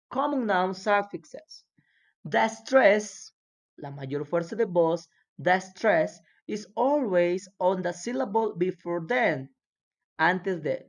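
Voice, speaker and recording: A woman whose first language is Spanish, teaching a language class, patiently repeating words for her students to echo. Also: mid-range voice. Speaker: English teacher.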